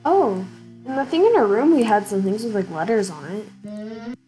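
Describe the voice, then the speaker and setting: A woman's voice: medium pitch, animated, normal speed, dark tone, faint music behind, poor audio. A woman streamer giving casual let's-play commentary, chatty and giggly, thinking aloud with the hiccups.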